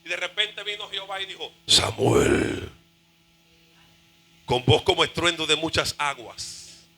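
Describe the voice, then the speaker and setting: A male pastor preaching a fervent sermon, shouting and half-singing his phrases. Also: high voice, brisk, rough recording.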